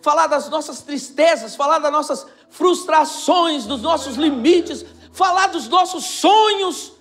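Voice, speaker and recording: Brazilian male pastor, high-pitched, insistent sermon with faint music behind. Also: measured pace. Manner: emphatic, repetitive, rising to near shouts.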